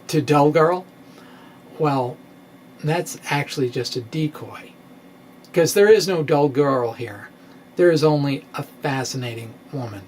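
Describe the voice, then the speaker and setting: Reading from his own science blog, this middle-aged man who makes physics videos delivers it theatrically, with odd hesitations and long, drawn-out pauses. His pitch is a little high. A microphone on a stand sits before him in a small bookshelf-lined room, and a steady, clear background noise runs underneath.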